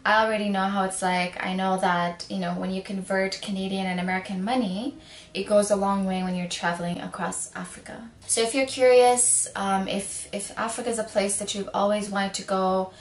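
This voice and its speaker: A woman's voice: medium pitch, level tone, moderate pace, slight background noise. A woman from Sudan delivers an upbeat promotional spot, asking viewers questions and running through lists. Her voice sits mid-range, and the recording carries a noticeable room echo. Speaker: ad presenter. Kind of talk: promotional read. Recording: roomy echoing recording.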